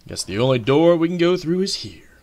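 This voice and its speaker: A man's voice: fairly high pitch, sing-song, a little fast, darkish tone. A man hosting a let's play, joking sarcastically and swearing at the game as he plays. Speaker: gaming channel host.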